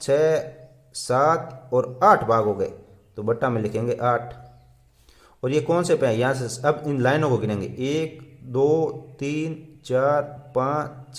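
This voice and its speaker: A man teaching a primary school math lesson, counting aloud and repeating each step. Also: mid-range voice.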